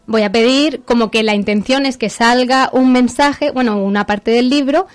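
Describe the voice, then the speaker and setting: Enthusiastic high-voiced Spanish woman, Castilian accent. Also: moderate pace. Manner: enthusiastic, informal, explains step by step. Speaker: segment host presenting a book. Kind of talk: casual chat with a co-host.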